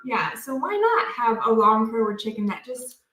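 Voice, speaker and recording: A talkative woman in her thirties chats excitedly at a moderate pace as co-host of a casual homestead livestream. Her voice sits a little high and sounds set back from the mic. The recording is roomy and echoey, picked up from a distance.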